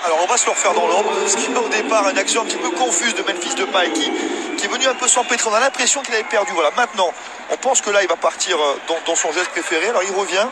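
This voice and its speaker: High-voiced male football analyst. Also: very fast. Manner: explanatory, repeats points for emphasis. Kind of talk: live match analysis over replays. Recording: loud stadium crowd noise behind. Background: football crowd.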